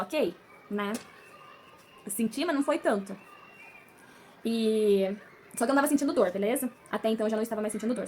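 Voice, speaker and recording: A woman's voice: a little high, darkish tone, slight background noise. A woman telling a personal story to her viewers in a casual vlog. She is emotional and repeats words for emphasis. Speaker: vlogger.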